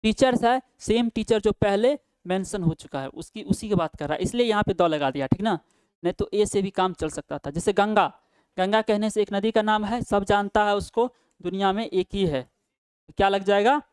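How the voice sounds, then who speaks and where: A man's voice: high voice, moderate pace, smooth, no echo. A male teacher gives a grammar lesson, asking questions and answering them himself, with frequent checks like "right?". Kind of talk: Hindi-language English grammar lesson.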